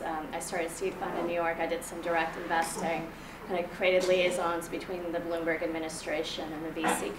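A woman from Kenya in her forties, presenting to a room in a somewhat low, conversational voice full of ums and restarts. She is recorded from a distance, with an echoey room and clear background hum. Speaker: venture investor giving a talk. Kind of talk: conference presentation. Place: meeting room in front of a projector screen. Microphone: room mic from a distant camera. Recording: echoey room, far from the mic, audible room noise.

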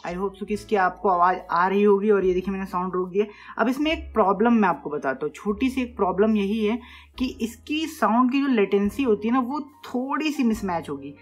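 A man's voice: high voice, brisk, slightly rough. Tech tutorial host, male, chatty and explanatory, checks in with the viewer a lot, faint music underneath. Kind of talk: casual step-by-step tutorial. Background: faint music playing from his phone.

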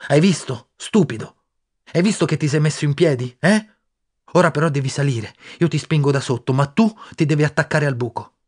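A man reading an audiobook aloud and voicing a frightened young boy who urgently pleads with his friend, in a husky, raised voice. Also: fairly high pitch, a little fast, darkish tone, pitched above the performer's own voice.

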